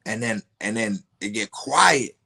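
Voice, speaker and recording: A man's voice: fairly low pitch, a little slow, vocal fry, slightly rough. A man, a podcast guest, casually telling a story with lots of street slang and profanity, often repeating and restarting words. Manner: stumbling repetitions and heavy street slang; profane, animated retelling.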